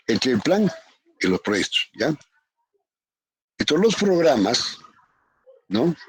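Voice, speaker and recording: Man lecturing slowly, repeating definitions. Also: medium pitch, a little hiss or hum. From Peru. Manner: calls on students by name, repeats definitions with tag questions. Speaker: university economics professor. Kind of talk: lecturing in a virtual class. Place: home, online class. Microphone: computer mic on a video call.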